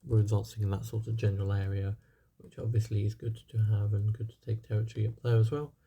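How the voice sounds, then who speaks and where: A young man talks casually over a strategy game, sounding a little tired and full of fillers. His voice is low, very dark and a bit husky. His pitch stays flat as he rambles on. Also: fast talker. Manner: rambling, many fillers and hedges. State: slightly tired. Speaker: gaming channel host.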